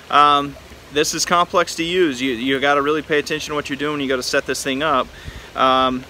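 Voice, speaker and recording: Bright-voiced American man talking from his backyard. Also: medium pitch. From Texas, United States. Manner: informal, laid-back address from the backyard. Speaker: vlogger presenting vintage cameras. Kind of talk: casual hands-on product demonstration to camera. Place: outdoors in a backyard by a pool. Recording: outdoor backyard with faint background noise. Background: faint outdoor pool noise.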